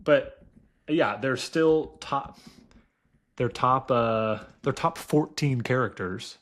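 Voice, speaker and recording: A man's voice: medium pitch, takes it slowly. Man making dry podcast quips. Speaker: podcast co-host. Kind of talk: casual chat.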